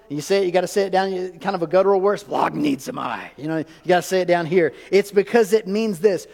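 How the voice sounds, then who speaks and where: A man pastor delivering a sermon, swinging from loud emphatic lines to hushed, almost whispered ones. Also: high voice, big-room sound.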